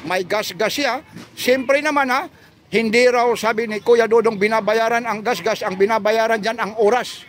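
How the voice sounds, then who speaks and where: A man with a high voice chats briskly at an outdoor street market as light rain falls. He keeps up a lively running patter full of tag questions, as if filming on a handheld phone. The sound has the feel of a casual street vlog. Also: slight background noise. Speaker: vlogger showing goods at a market stall.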